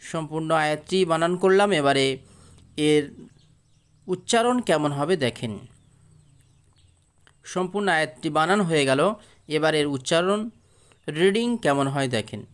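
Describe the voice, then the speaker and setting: A man's voice: a little high, animated, normal speed, pauses often, a bit bright, smooth. A man teaching Quran reading in Bengali, spelling out each syllable and then chanting the verse in a raised voice. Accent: Bangladeshi Bengali. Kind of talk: spelling-out recitation lesson.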